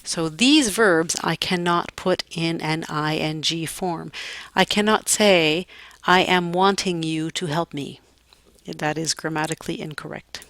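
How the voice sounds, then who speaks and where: Deliberate, low-voiced woman teaching grammar. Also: a bit bright, dry recording. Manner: clear, deliberate, with dry asides. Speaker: English teacher. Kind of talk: grammar lesson to students.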